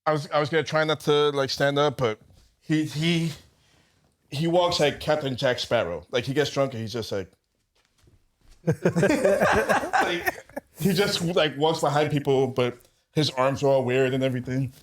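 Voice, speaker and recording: A man's voice: a little high, expressive, unhurried, pauses often. A man from Brooklyn co-hosting a podcast, telling a story loosely with frequent laughs and swearing. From Brooklyn, New York. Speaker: podcast co-host. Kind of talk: casual storytelling chat.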